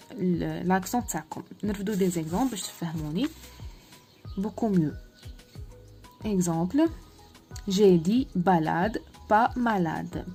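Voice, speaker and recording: A woman teaching a phonetics lesson. She explains in dialect and says her French examples slowly and carefully. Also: medium pitch, dark tone, breathy edge.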